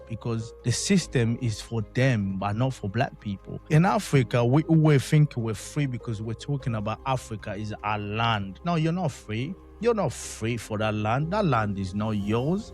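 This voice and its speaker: A man's voice: mid-range voice, darkish tone. A man giving impassioned commentary, emphatic and repetitive, with non-native phrasing. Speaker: commentator reacting to a clip.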